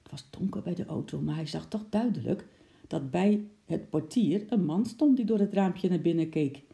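A storyteller reads a children's book aloud in a calm, even manner. The voice is notably gravelly. Its timbre is very dark and mellow. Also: medium pitch, moderate pace.

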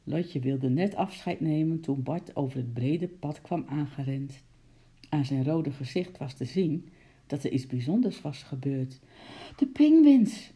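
A woman reads a children's story aloud in a low, very dark and mellow voice. Her reading is gentle and expressive, with small slips she corrects. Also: measured pace. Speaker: narrator.

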